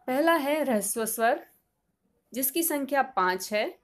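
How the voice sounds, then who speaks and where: Higher-voiced woman teacher explaining a lesson. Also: expressive, measured pace. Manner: patient, repeats key points, draws out vowel sounds as examples.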